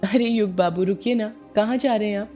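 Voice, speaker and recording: A woman's voice: medium pitch, brisk, dark tone, faint music behind, voice pushed up, natural voice. A woman voicing a playful, teasing young fisherwoman in an audio story, coaxing and affectionate.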